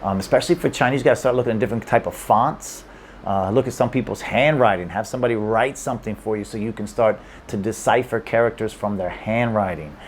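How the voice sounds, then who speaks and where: A fast-talking man with a fairly low voice gives informal language-learning advice to camera from a Hong Kong room, a little hiss or hum behind him. He rambles and circles back on himself, with many restarts and chuckles.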